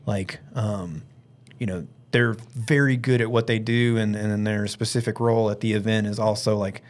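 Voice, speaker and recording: A man's voice: on the low side, fairly even intonation, normal speed. A man from Alabama talking casually as a podcast guest, rambling informally and leaning on filler words like "like" and "you know". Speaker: firearms instructor and event organiser, interview guest.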